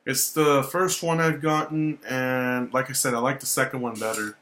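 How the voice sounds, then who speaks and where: A man's voice: mid-range voice, fairly even intonation, normal speed, fairly bright tone. A young man talking casually to camera, rambling and repeating himself, swearing now and then. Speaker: YouTuber showing his game collection. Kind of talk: casual vlog talk.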